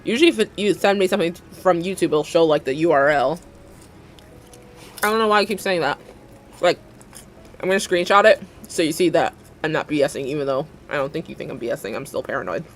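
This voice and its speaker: A woman's voice: low voice, quick pace, long pauses, a little hiss or hum. A young adult woman chatting casually with her live viewers, rambling with lots of fillers and frequent laughs. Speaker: livestreamer.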